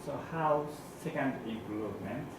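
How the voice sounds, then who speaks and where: A man questioning as an academic examiner, halting and searching for words in non-native English. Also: mid-range voice, expressive. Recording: very echoey, distant, noisy room recording.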